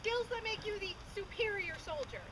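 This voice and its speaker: A woman's voice: very high voice, lively intonation, normal speed. A woman playing an exasperated, sarcastic, grumbling corporal in comic renaissance faire stage acting, with dry, needling retorts. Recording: outdoor live recording, clear ambient noise.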